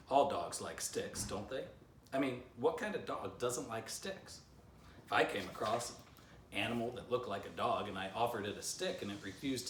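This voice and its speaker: In his fifties, a man reads his own children's book aloud beside a living-room fireplace, adding playful, chatty asides for young listeners. His voice is mid-range, and the camera a few feet away gives a roomy, slightly distant home sound with a little hiss or hum.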